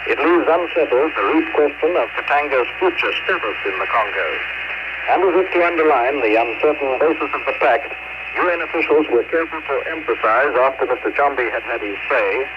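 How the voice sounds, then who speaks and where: A man of medium pitch files a scripted foreign news report. His delivery is formal and declarative. The sound is narrow and tinny, like a shortwave feed with clear noise over it. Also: brisk. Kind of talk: scripted radio news dispatch.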